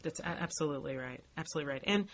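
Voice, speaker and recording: A woman's voice: low voice, racing. A woman co-hosting a podcast, chatting casually and enthusiastically in an agreeable, conversational interviewing manner. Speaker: podcast co-host.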